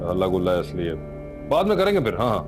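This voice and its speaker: A man's voice: sits low, big pitch swings, fast. An actor playing an evasive, irritable young husband with a Pakistani Urdu accent who brushes off his friends, over background music.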